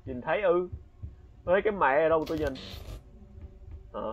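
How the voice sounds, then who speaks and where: A man gives casual let's-play commentary on a horror game, his voice sitting a little high. He is jumpy, yelps and shouts when startled, and mutters as he reads. It sounds slightly dull and lo-fi, like a cheap home mic. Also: fairly quick, a little hiss or hum. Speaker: gamer playing a horror game.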